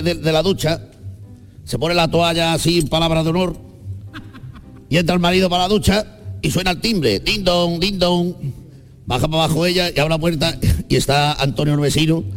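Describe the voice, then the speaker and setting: Male comic, rambling storyteller, chuckles through his jokes; a bit high-pitched, long reverb around him. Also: a little fast, faint music behind. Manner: jokey, rambling, laughs at his own jokes. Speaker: comedian guest. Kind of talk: comic storytelling on a radio show.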